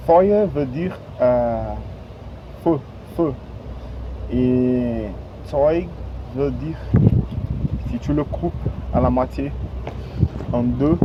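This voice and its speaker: In a casual vlog monologue, a Portuguese-speaking language learner talks slowly and haltingly, often stopping to hunt for words and filling gaps with lots of fillers. His pitch is mid-range. The lo-fi, dull outdoor recording picks up clear street traffic around him.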